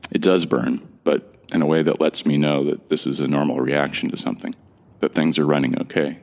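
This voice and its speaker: An actor with a very deep, gravelly voice tells his story in the first person as a bewildered, introspective amnesiac from Earth in an audio drama. His delivery is measured.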